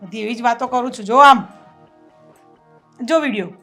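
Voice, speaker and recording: A young maid defies and taunts her employer in a film drama. Her voice is high. She speaks with pointed, challenging force. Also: normal speed, fairly bright tone, soft background music. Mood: defiant. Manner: defiant, taunting.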